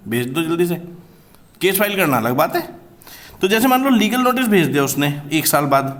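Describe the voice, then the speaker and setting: A man teaching a commerce law class, explaining step by step and slowly repeating key terms, with terms. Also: sits high.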